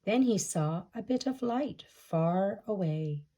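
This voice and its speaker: A woman storyteller reads a picture-book folktale aloud in a measured way, putting questions to her listeners. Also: medium pitch, expressive, dark tone.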